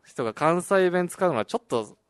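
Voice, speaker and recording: A man's voice: a little high, animated, a little fast. A young man from Okinawa chatting casually and animatedly, often laughing as he tells stories. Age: young adult. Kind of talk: casual chat.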